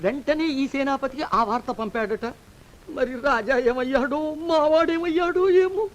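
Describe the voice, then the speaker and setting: A man's voice: very high-pitched, normal speed. An actor playing a worried older man who pleads anxiously for help in a 1950s film melodrama.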